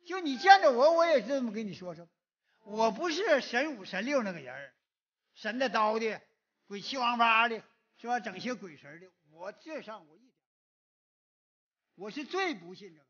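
A man with a Northeastern Mandarin accent gives a moral lecture in a lecture hall, telling stories in a folksy, animated way with many "是吧" asides. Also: extremely high pitch, normal speed, long pauses, highs cut off. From Northeast China. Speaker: public lecturer. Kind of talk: moral lecture told through anecdotes. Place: lecture hall at a public forum.

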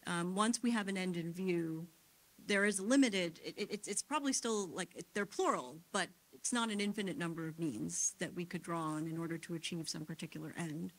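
A woman speaker answering questions after her conference talk in a theater, thoughtful and halting with frequent restarts. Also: lowish voice. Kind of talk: academic Q&A.

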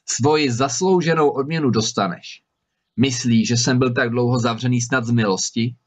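A man's voice: medium pitch, steady tone, natural voice. A man voicing a huge menacing male spirit trapped in a bottle, who thunders threats and wails pleas in a storybook reading. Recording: slightly dull recording.

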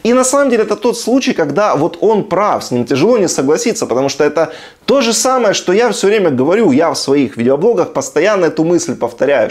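Animated, sardonic man from Ukraine. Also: a little high. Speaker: video blogger. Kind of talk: sarcastic commentary on TV clips. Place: room at home.

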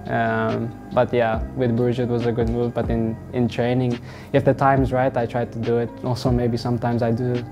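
A young man from Australia, a football player answering interview questions in a relaxed, halting way with many fillers. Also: medium pitch, gravelly. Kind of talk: sit-down interview. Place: indoors in front of a wall of football boots. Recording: music playing underneath.

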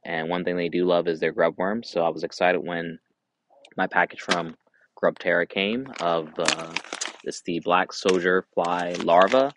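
A man in his thirties talking casually outdoors in a backyard, in a relaxed way with fillers and restarts, as he reviews chicken feed for his vlog. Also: low-pitched, a little slow, rough recording. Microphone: camera on a tripod a few meters away. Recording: faint outdoor noise with hens clucking. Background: chickens clucking.

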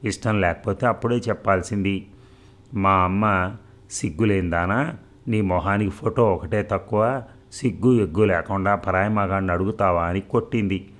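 A man voicing a shy, hurt young village girl in a spoken novel, in his own deep voice. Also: normal speed, close to an everyday voice. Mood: tearful.

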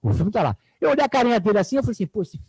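A man's voice: high-pitched, big pitch swings, racing, a little mellow, slightly rough, dry recording, rough recording. A man from Rio with a Carioca accent, a ventriloquist and party magician, chatting in a rambling storytelling way in a small TV studio on a desk mic. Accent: Carioca Portuguese. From Rio de Janeiro, Brazil. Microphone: desk mic on stand.

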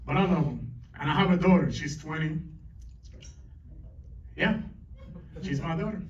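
A man's voice: on the high side, animated, measured pace, a little hiss or hum. A middle-aged man doing a stand-up comedy set on a club stage, teasing the crowd with crude banter. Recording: echoey club, distant mic, dull lo-fi.

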